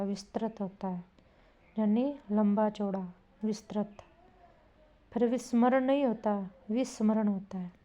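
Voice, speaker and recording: Warm-toned and medium-pitched, this woman teaches Hindi spelling to students preparing for exams. She works repetitively, saying each word again and quizzing the class.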